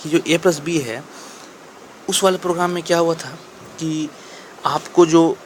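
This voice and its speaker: A man's voice: on the high side, steady tone, unhurried, a little hiss or hum. A man teaching programming in a casual, conversational way, often asking and answering his own questions. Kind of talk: casual explanatory lecture.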